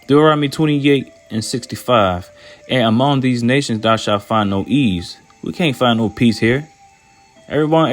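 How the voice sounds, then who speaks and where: Guy preaching off the cuff, mid pitch, keeps restarting and saying man, faint music behind. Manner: repetitive, stammering restarts, tags "man" onto phrases; slangy, fired-up and scolding. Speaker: self-styled preacher. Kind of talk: informal street-style preaching with scripture reading.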